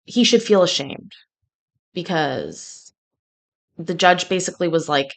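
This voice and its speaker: A Scottish-born woman hosts a casual livestream from her home kitchen, chatty and joking, with a sarcastic streak. Her voice is lowish and expressive, and she speaks a little slowly.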